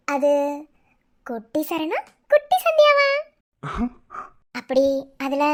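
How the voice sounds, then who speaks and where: Cartoon wife, madurai accent, real high, teasing. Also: female voice, darkish tone. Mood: playful. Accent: Madurai Tamil. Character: young pregnant wife, spirited and teasing.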